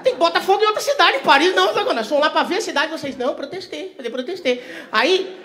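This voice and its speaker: A male stand-up comedian works the crowd, teasing and swearing, swinging from quiet asides to loud laughing bursts. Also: very high-pitched, lively intonation, fast talker. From Vitória, Brazil. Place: comedy stage before a live audience.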